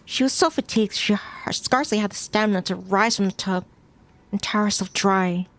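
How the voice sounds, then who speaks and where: With music in the background, a woman streamer narrates a visual novel aloud in a mid-range voice, going a little fast. Now and then she trips on a word and reads it again.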